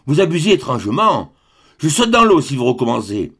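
A man's voice: medium pitch, sing-song, a little fast, a bit bright, breathy edge, full character voice. A man voicing a coy young married woman who scolds her admirer in a mock-stern, motherly way. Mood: coy scolding.

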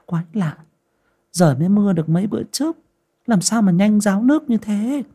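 A man voicing a young frightened servant girl crying out in a high, frantic voice. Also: lively intonation, a little fast, mellow, slightly rough, heavily acted. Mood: puzzled. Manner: high frantic wailing cries.

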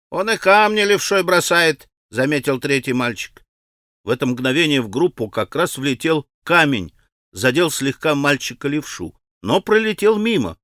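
A man narrating a classic novel as an audiobook, with expressive, measured storytelling. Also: medium pitch, no room sound. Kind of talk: scripted narration. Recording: dry studio recording.

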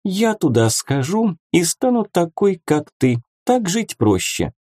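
A man voices a sulky, bitter young mage woman, pitching his exaggerated voice above his own and giving it a sing-song, darkish tone. He mutters resentfully at a measured pace. The recording is dry, with clean studio sound.

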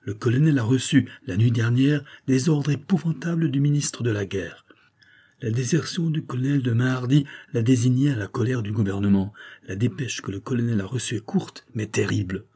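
A man voicing an earnest young cavalry officer who confides in a low, urgent way. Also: moderate pace, mellow, breathy edge.

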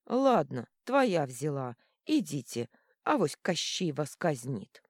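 A woman's voice: big pitch swings, slow pace, breathy edge, no room sound, clean studio sound, exaggerated voice. A woman voicing a huge three-headed male serpent monster that blusters and then whines, in an audiobook. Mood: whiny. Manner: booming menace turning to pleading.

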